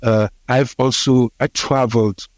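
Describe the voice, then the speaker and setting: A Haitian man in his sixties, a podcast guest, telling his life story in a reflective, halting way with many fillers and restarts. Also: medium pitch, steady tone, dry recording. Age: 60s.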